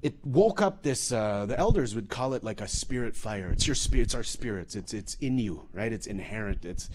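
A man from Canada giving a comedic storytelling talk, animated and full of restarts and repeated words. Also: on the low side, normal speed, noisy background. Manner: animated, many restarts and repetitions. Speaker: public speaker.

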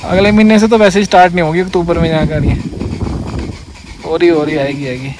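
A man's voice: fairly high pitch, steady tone, fast, background noise. A man making a casual travel vlog outdoors in the cold, chatting as he coaxes his car to start. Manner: chatty, coaxing the car along. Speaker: travel vlogger. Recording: background music under the voice.

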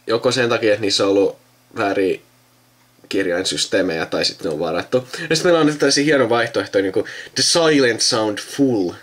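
This young man's voice is fairly low and a bit bright as he chats casually, thinking aloud and drifting off mid-sentence in a rambling manner. He hosts a video, recorded with a friend indoors at a computer.

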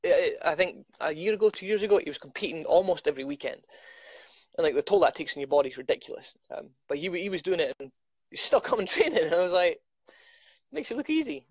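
A man's voice: on the high side, sing-song, fast talker, breathy edge, no room sound. Chatty young man on a call. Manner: chatty, self-mocking, many restarts. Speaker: MMA fighter. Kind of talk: casual video-call interview. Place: living room at home. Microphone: video call.

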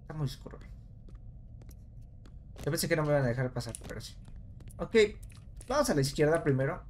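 A man's voice: a little high, a little fast, darkish tone, slight background noise. A man, casually commenting on a game as he plays, talking to his viewers and thinking aloud. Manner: casual, talks to viewers while puzzling aloud. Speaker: gameplay commentator. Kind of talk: let's play commentary.

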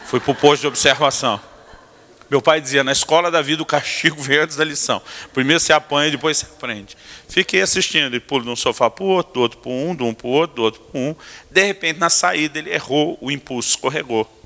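Bright-voiced pastor in a reverberant church. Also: male voice, medium pitch, fast. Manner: animated, acts out family scenes with comic asides. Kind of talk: humorous sermon storytelling. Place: church sanctuary. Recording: long reverb of a church hall.

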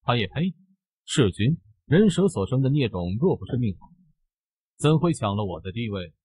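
A scheming usurper uncle of a snake clan sneers and taunts, as a man voices him in a comic-book recap. His voice is husky, his pitch swings widely, and the sound is dry and close. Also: very animated, moderate pace, darkish tone, no echo, low-quality recording. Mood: sneering. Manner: sneering, contemptuous.

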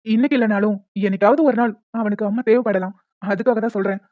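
A woman's voice: mid-range voice, steady tone, quick pace, no room sound, highs cut off, close to an everyday voice. A woman voicing a persuasive, playful young brother-in-law in a cartoon. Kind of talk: cartoon voice acting.

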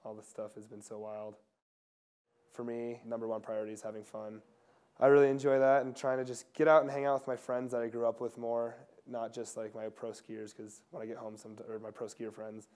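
A young man answering interview questions in a casual, soft-spoken way, with fillers and restarts, seated in an indoor lodge room. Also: medium pitch, level tone, fairly quick. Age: young adult. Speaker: pro skier interviewee.

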